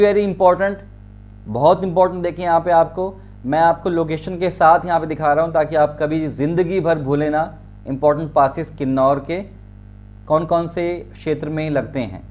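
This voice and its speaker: A man's voice: on the high side, fairly even intonation, moderate pace, a little mellow. A man teaching a geography exam-prep lesson, pointing out places on a map, repeating names and often checking whether his students have followed. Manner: addresses students directly, checks understanding.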